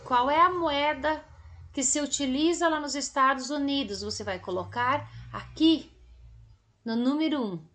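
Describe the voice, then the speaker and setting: Brazilian woman teacher, high voice, unhurried lesson for kids. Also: fairly bright tone. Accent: Brazilian Portuguese. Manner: slow, drawn-out and didactic, stretching words for emphasis. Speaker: primary school teacher. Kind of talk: recorded remote lesson for children.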